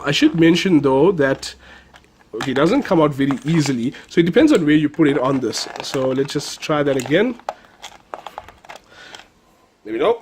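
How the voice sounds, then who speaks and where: A man's voice: on the high side, a little hiss or hum. A man with a South African accent and a nasal voice from a cold, chatting casually through a collectible figure review, enthusiastic and given to repeating words.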